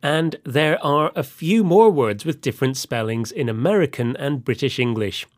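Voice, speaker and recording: Guy presenting a spelling lesson, lively voice, dry sound, soft music under it. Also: medium pitch, moderate pace, no echo. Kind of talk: scripted language lesson.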